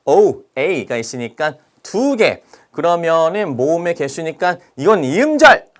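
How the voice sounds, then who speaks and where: Lively Korean grammar teacher, man. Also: a little high, a little slow. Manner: lively, checks in often with "okay?" and "right?"; stretches out English words when sounding them out. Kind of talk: grammar lesson lecture.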